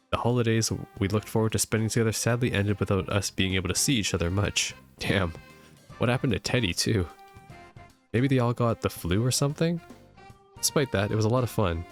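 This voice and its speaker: A man with a fairly low voice plays a story game. He mixes casual commentary with reading the on-screen narration aloud, over soft game music. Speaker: let's play streamer.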